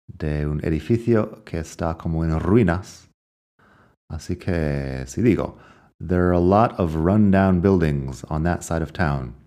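A man's voice: very deep voice, a little mellow. A man from the United States teaching English phrases in a lesson, explaining patiently and reading each example twice with an American accent. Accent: American English in his English examples. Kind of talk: language lesson narration.

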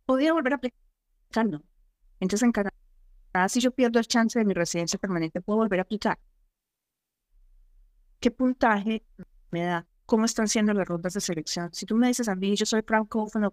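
A middle-aged woman with a medium-pitched voice co-hosts an advisory talk show as an immigration consultant, with no echo in the recording. She explains her points emphatically and often poses rhetorical questions.

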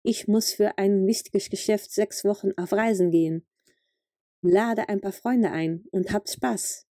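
A woman reading the lines of a rich, menacing husband in a storybook, in slow, measured commands and a mellow voice. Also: mid-range voice, dry recording, clean studio sound, close to an everyday voice. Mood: calm. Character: Bluebeard, rich menacing grown man.

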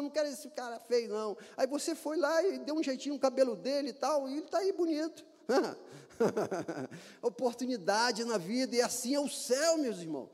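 A man's voice: very high voice, a little mellow. A man preaching a sermon to a church, folksy and joking, climbing into emphatic bursts. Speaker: pastor. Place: church hall. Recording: long church reverb.

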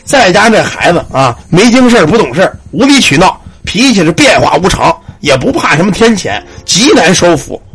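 A man's voice: high-pitched, big pitch swings, brisk, few pauses, fairly bright tone, slightly rough, faint music behind, full character voice. A man doing a grave old village temple keeper.

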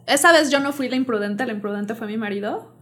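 A woman's voice: on the high side, fast, fairly bright tone. A young woman with a Mexican accent, telling a story in casual chat and acting out the quotes with animation. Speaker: podcast co-host.

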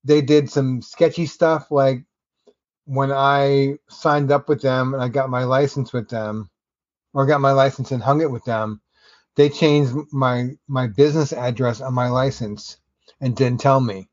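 A man's voice: medium pitch, no room sound, highs cut off. A man hosting a solo podcast, talking in a casual, rambling, conversational way with wry asides. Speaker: podcast host.

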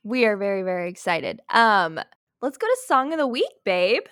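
A woman's voice: mid-range voice, very animated, moderate pace, fairly bright tone, clear, resonant tone, no echo, clean studio sound. A young woman co-hosting a casual podcast, upbeat and enthusiastic, swearing freely. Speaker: podcast co-host.

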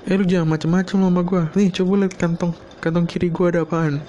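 A cocky arrested man brags at the police in a raised, mellow voice, as a man puts him on while telling a story. The threat comes out pushy and a little theatrical. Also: sits high, level tone, fast talker, lo-fi sound, a little hiss or hum, pitched above the performer's own voice, lightly acted.

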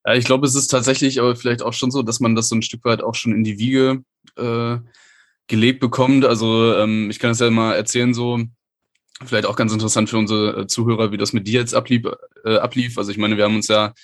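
A man's voice: mid-range voice, little pitch movement, quick pace, no room sound, clean studio sound. A man hosting an aviation podcast, asking questions in a friendly, chatty way. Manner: friendly, chatty, many fillers. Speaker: podcast host, interviewer. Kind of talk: casual interview chat.

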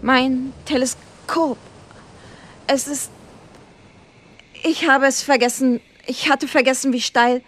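A woman's voice: a little high, normal speed, voice pushed up, natural voice. Woman putting on an unhinged scornful man. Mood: panicked.

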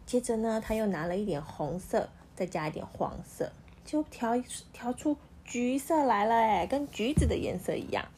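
A woman reading a picture book aloud to her child at home, pausing to ask the child questions as the story goes. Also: a little high, a little hiss or hum. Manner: lively, questioning the child as she reads.

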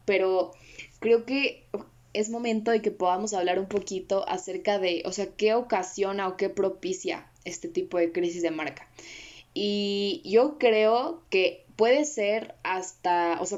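A woman's voice: medium pitch, a little mellow, lo-fi sound. A woman with a Mexican accent, co-hosting a casual discussion and rambling with fillers and restarts. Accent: Mexican Spanish. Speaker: podcast co-host.

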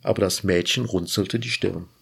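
A man hosting a literature show, reading a fairy tale aloud in a measured, lyrical way. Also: deep voice, steady tone, vocal fry, fairly bright tone, slightly rough. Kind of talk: storybook reading.

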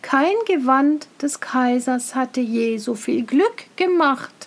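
A woman reading a fairy tale aloud in an expressive storytelling manner. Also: high voice, slow.

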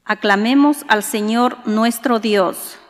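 A woman reading scripture at Mass as a lector, in formal, measured recitation with a cathedral-like echo. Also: on the high side. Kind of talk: liturgical scripture and psalm reading. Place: large reverberant church. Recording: echoing church acoustics with long reverb.

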